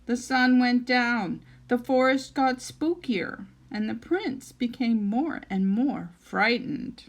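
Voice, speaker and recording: A woman storyteller reading a children's fairytale aloud in an expressive style. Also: on the high side, slow pace.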